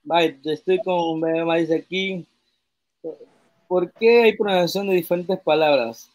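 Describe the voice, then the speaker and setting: Man, fairly high voice, reading questions aloud in class, giving examples. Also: unhurried, darkish tone.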